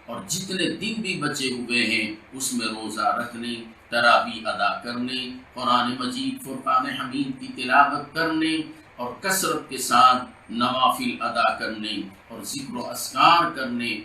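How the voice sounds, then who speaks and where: A man, an imam from India, leading a Friday sermon supplication in slow, drawn-out chanted lines, recorded in a mosque. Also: medium pitch, pushed and bright, reverberant, recorded from a distance, slight background noise, poor audio.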